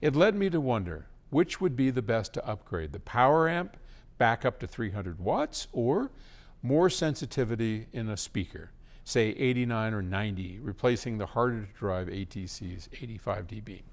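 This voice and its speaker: A man with a lowish, animated voice hosts a question-and-answer talk at a moderate pace, answering listener questions with advice. His manner is informal and conversational, and he clears his throat often.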